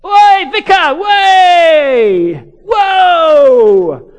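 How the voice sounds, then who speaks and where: A man voicing a cheeky, friendly Cockney street boy with a Cockney accent who calls out loudly across a yard. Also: lively intonation, extremely slow, big-room sound, exaggerated voice. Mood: shouting. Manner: shouting across a yard, high and bright.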